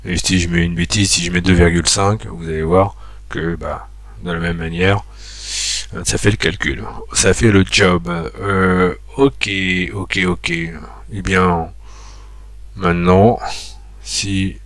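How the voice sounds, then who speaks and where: Very deep-voiced man thinking aloud. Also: steady tone, fairly bright tone, no room sound. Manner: thinking aloud, halting with many fillers, talking to viewers. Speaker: spreadsheet tutor. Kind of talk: screen-recorded software tutorial.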